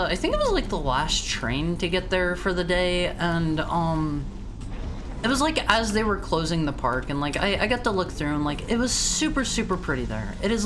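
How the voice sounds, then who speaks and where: A woman streamer chatting casually while gaming, haltingly repeating words and phrases as she goes. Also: lowish voice. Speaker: video game streamer. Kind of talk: casual game streaming chat. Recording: clear background game noise.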